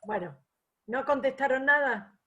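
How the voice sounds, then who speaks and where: A woman's voice: sits high, unhurried, a bit bright, lo-fi sound. A woman teaching a math class online, patient and explanatory, often checking that students follow.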